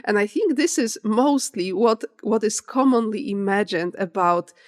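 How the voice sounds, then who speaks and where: A woman from Poland with a Polish accent, hosting a podcast with a measured, deliberate delivery. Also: mid-range voice, expressive, darkish tone. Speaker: podcast host. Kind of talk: scripted intro and interview questions.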